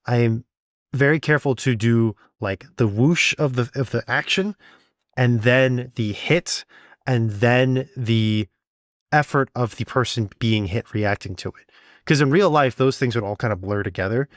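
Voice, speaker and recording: At a measured pace and in a mid-range voice, a man explains things one step at a time, keeping it casual and chatty. He's a sound designer for audio drama who co-hosts a podcast, and the studio recording is clean and echo-free.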